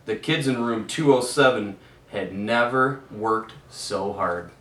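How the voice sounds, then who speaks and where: A man, a PE teacher, reading a picture book aloud to children and gently asking them questions, recorded in an echoey room away from the mic. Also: on the low side, slow pace, far from the mic. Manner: gentle, asks the kids questions, chuckles.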